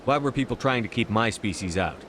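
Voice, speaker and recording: A man's voice: lowish voice, animated, fairly quick, noisy background, natural voice. A man playing a blunt, inquisitive human hero in a science fiction game, speaking in curt, direct lines. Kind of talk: scripted game dialogue.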